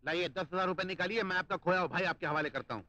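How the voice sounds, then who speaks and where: An actor playing a greedy, boastful former politician in a comic film scene, talking in a theatrical, melodramatic way. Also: male voice, sits high, very fast, pushed and bright, no echo. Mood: demanding. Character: greedy boastful male ex-MLA, comic schemer. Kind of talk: 1980s Hindi film acting. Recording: muffled old film soundtrack with faint music.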